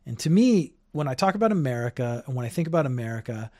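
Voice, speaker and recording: This older Canadian podcast host, recording at home in Japan, speaks fast and very animatedly with a warm, medium-pitched voice. His casual solo commentary wanders loosely and is full of opinions.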